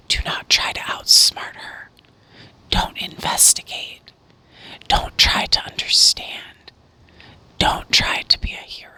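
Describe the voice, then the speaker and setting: A woman narrating horror stories in a breathy ASMR whisper, reading deliberately with pauses. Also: sharp tone.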